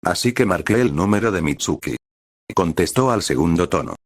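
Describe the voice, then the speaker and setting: A man narrating a first-person story in a slow, even reading voice. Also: low voice, dry recording, studio quality.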